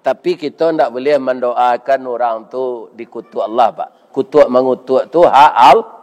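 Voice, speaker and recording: An older man with a Minangkabau accent gives a casual, folksy village sermon, bantering with the crowd and questioning them, often asking "iya kan?" ("right?"). His mid-range voice is a little mellow and moves at normal speed.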